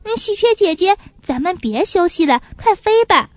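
A woman's voice: very high-pitched, very animated, moderate pace, no room sound, pitched above the performer's own voice. A woman voicing a brave, eager little boy pigeon in a children's story. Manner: eager, stammering when caught.

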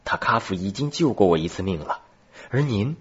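A man's voice: mid-range voice, animated, brisk, slightly rough, highs cut off, pitched above the performer's own voice. A man voicing a brave, loyal young boy who speaks earnestly with gratitude. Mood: grateful.

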